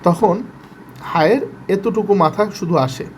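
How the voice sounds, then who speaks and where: A man teaching Quran reading in a Bangladeshi Bengali accent, patiently spelling out letters and repeating each syllable slowly. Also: sits high, a little hiss or hum. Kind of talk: step-by-step reading lesson.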